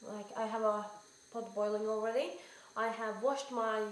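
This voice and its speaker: A homesteading vlogger in her thirties chats casually, giggling and thinking aloud, first in the woods outdoors and then in her home kitchen. Her voice is a little high, fairly even in intonation and moderately paced. The camera mic, handheld close and later on a fixed camera, gives poor audio.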